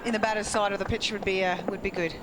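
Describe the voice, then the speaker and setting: A woman with an Australian accent explains the cricket as an expert commentator. Her delivery is informal and conversational, at a middling pitch. Clear outdoor noise and traffic ambience sit behind her. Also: steady tone, quick pace. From Queensland, Australia. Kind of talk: live sports analysis, conversational.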